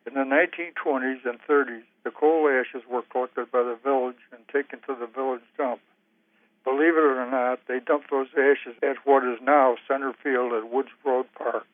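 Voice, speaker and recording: Man reading memories, flat even delivery, tinny phone-line sound. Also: medium pitch, moderate pace, dry recording. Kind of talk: reading a memoir passage.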